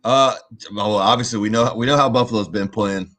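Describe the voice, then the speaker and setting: A man co-hosting a sports podcast, giving casual, halting football analysis and repeating words as he thinks. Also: on the low side, fairly bright tone.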